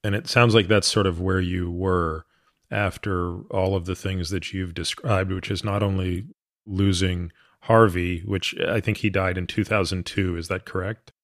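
A man with a very low, deep voice hosts a podcast in a dry, close-miked sound with no room echo. He asks long, discursive questions, hedging his phrasing as he thinks aloud. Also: little pitch movement, measured pace, a bit bright. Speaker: podcast host. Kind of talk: long-form podcast interview.

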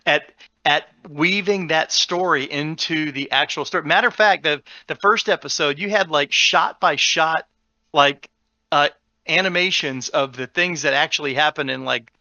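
A man with a bright, forceful voice chatting on a podcast, rambling through restarts and warming up as he explains. The recording is dull and dry. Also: fairly high pitch, a little slow, no room sound. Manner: rambling, many restarts, animated when explaining. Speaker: podcast co-host. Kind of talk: casual chat.

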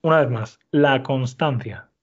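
A man's voice: medium pitch, a little slow, muffled recording. Male Spanish teacher explaining patiently. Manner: explanatory, frequent "¿vale?" checks. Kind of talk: language lesson.

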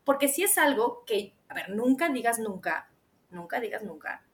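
A woman's voice: a little high, normal speed. A woman with a Mexican Spanish accent chatting casually as a podcast co-host, acting out her own quotes as she tells stories. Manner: animated storyteller, acts out her own quotes. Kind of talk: casual chat.

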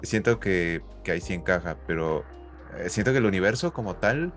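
A man's voice: low-pitched, expressive, brisk, soft background music. A Mexican man co-hosting a podcast in casual, slangy, jokey conversation. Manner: jokey, informal. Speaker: podcast co-host.

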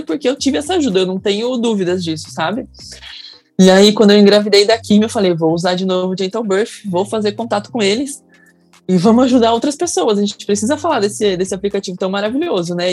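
A woman's voice: medium pitch, darkish tone, dry recording. A young woman with a Brazilian Portuguese accent telling her birth story in casual talk, emotional and acting out the people she quotes. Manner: emotional, acts out quoted people in raised voices.

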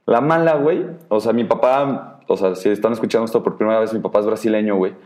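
A man's voice: on the low side, quick pace. Slangy Mexican man telling stories. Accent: Mexican Spanish. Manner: slangy and profane, animated storytelling with many fillers. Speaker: podcast host. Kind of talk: casual chat.

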